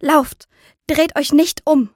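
A woman voicing a starving young mother cornered in her home, crying out with a shaking, frantic voice. The voice is high and pushed. The recording is dry and close. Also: fairly even intonation, slow pace, no room sound. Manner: trembling, pleading, shouting.

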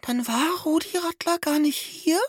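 A tiny, jumpy little mouse squeaks his words in a thin, very high voice. He sounds nervous every time he speaks. The recording is dry and close. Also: measured pace, no room sound. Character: timid tiny male mouse, easily frightened.

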